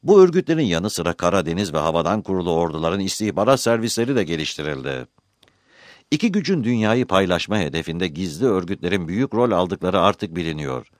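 A man narrating a scripted history documentary in a measured storytelling delivery with dramatic emphasis. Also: low voice, sing-song, no echo, studio quality.

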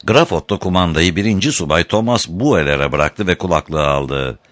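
A man narrating an audiobook dramatically, lifting his voice for shouted lines. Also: low-pitched, normal speed, no room sound. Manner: dramatic, raises voice for shouted quotes.

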